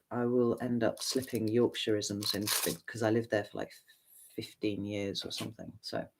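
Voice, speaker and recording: Fielding viewer questions on a livestream, an English tarot reader with a neutral accent talks in a rambling, candid way and swears casually. His voice is on the low side with vocal fry. The audio is poor, with slight background noise.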